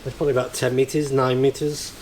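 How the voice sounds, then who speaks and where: A ham radio operator vlogs his hands-on work, narrating casually and hesitantly as he thinks aloud, outdoors in the field and inside a barn. His voice is mid-range and a little mellow, with a level tone and fast delivery. Clear ambient location noise is heard in the background.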